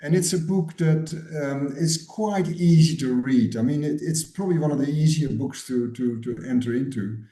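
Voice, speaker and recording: A Dutch-born author and educator in his sixties, here as a guest, responds thoughtfully to interview questions, often repeating words as he gropes for phrasing. His voice is a little high and warm, at a moderate pace with few pauses, recorded with roomy echo.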